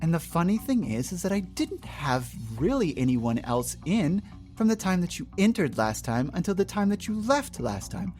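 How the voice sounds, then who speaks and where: Tabletop RPG shopkeeper, played by a man: sarcastic, mock-polite customer service voice, quietly menacing. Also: sits high, very animated, normal speed, soft background music, voice pushed up. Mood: mockingly polite. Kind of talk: improvised tabletop role-play.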